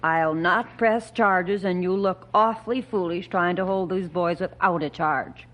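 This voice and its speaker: A gentle yet firm older widow from an old radio show. Her voice sits unusually low for a woman, calm and earnest, turning solemn when she reads scripture. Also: measured pace. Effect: old radio show broadcast. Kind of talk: 1950s radio drama acting.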